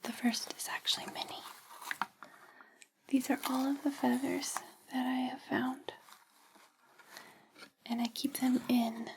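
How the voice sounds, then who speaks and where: Female ASMR host, soft breathy whisper throughout, unhurried and very level in tone. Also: high voice, flat delivery, slight background noise. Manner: slow, gentle, deliberate phrasing.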